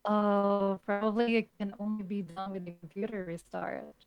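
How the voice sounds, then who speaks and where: A woman's voice: mid-range voice, steady tone, normal speed, highs cut off. A woman chatting as a podcast guest over a voice call, her voice coming through with a robotic, metallic glitch. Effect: robotic, metallic glitchy voice filter. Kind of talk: casual chat over a voice call. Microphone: voice call through a mixer app.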